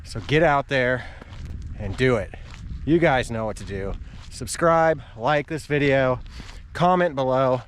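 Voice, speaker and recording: A man's voice: medium pitch, unhurried, long pauses, a little hiss or hum. A man talking casually to his viewers while out running outdoors, recorded on an action camera he carries. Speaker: running vlogger. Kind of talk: casual vlog talk to viewers. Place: outdoors on a country road.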